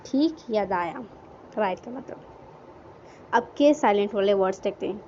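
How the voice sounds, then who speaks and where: A woman's voice: medium pitch, moderate pace, a little mellow. A woman teaching an English grammar lesson, spelling words out letter by letter and asking and answering her own questions, mixing English words into her Hindi. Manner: asks questions and answers them herself. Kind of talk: classroom lesson explaining words. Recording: dull lo-fi recording with faint noise.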